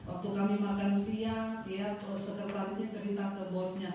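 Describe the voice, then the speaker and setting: Seorang wanita paruh baya memberi kesaksian di ibadah, bercerita hidup sambil memerankan percakapan. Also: female voice, mid-range voice, moderate pace, slight background noise. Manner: lively storytelling, acting out dialogue. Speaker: guest preacher. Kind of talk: testimony sermon to a congregation. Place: church hall. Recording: echoey hall from far off.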